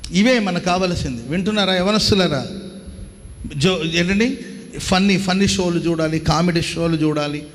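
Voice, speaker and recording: Male pastor, high voice, fervent call-and-response sermon, reverberant church hall. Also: normal speed. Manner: fervent preaching, rhetorical questions, call-and-response.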